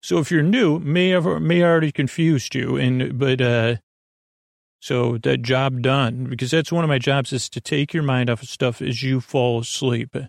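Meant for bedtime listening, this sleep podcast monologue comes from a male host whose medium-pitched voice is gravelly and full of vocal fry. He keeps a steady tone and moderate pace while rambling, stammering, retracing his words and making self-deprecating remarks. The recording is dry and close-miked.

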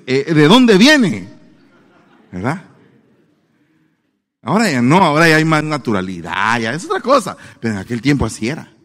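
Male preacher, lively swooping pitch, playful sermon, long echo of a hall. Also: a little fast, long pauses. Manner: animated, acts out quoted voices. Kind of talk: sermon with humor.

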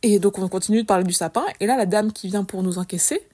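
A young woman hosting a podcast, telling casual stories in a chatty, lively, slangy way with many fillers. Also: medium pitch, fast talker. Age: young adult. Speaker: podcast host. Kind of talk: casual solo storytelling.

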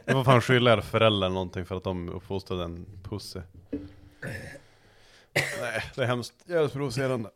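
A man's voice: fairly low pitch, pauses often, a bit bright. Blunt, crude-talking podcast man. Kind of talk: casual profane chat.

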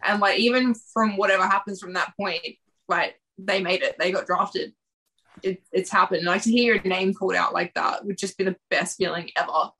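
Bright chatty woman host. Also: mid-range voice, moderate pace, breathy edge, poor audio. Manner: chatty and emotional, filler-heavy. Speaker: podcast host. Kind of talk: casual sports podcast chat.

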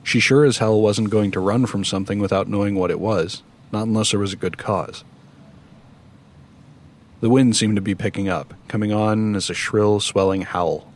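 A man reading a horror story aloud with steady, measured narration. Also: lowish voice.

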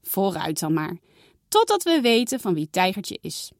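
A woman voicing a kind but firm mother in a read-aloud storybook, speaking calmly and warmly to her daughters. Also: medium pitch, unhurried, dry recording, clean studio sound. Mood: motherly.

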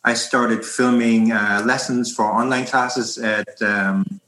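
A German-accented baking instructor in his forties from Germany slowly talks through his life as a teacher in a casual interview, rambling with plenty of restarts. His medium-pitched voice is steady and sharp. The audio is poor and reverberant.

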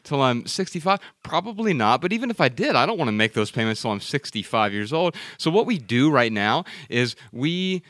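A man's voice: medium pitch, big pitch swings, brisk, hardly any pauses, fairly bright tone, dry recording, studio quality. Emphatic man lecturing on a podcast. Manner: emphatic and lecturing, with repeated words. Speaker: podcast co-host. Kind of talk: casual podcast talk.

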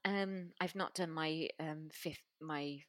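A woman with a low-pitched voice talks casually as co-host, laughing easily and often leaving sentences hanging. Her voice sounds close and dry, with no room around it. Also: steady tone, slow pace, a bit bright, no echo. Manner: chatty, laughs often, trails off mid-sentence. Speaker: podcast co-host. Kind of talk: casual chat about skincare.

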